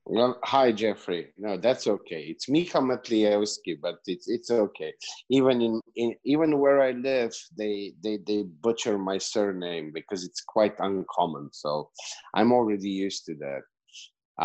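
A man's voice: fairly low pitch, animated, measured pace, darkish tone, poor audio. A middle-aged man from Slovenia, a podcast guest and business coach, talking in a rambling, chatty way with many fillers and restarts. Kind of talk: casual interview answer.

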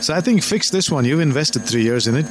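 Fast-talking man, blunt and teasing. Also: on the high side, animated, noisy background. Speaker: host giving relationship advice. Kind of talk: casual, frank advice chat.

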